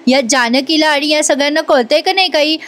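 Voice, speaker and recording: A woman voicing a sharp-tongued young daughter-in-law who taunts and scolds. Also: high-pitched, a little fast. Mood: scornful.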